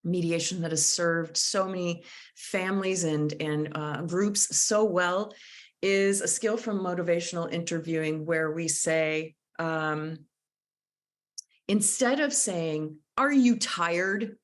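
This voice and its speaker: A woman's voice: on the low side, takes it slowly. A woman leading a live online workshop on conflict mediation, speaking in a thoughtful, coaching way and sometimes searching for her words over a video call.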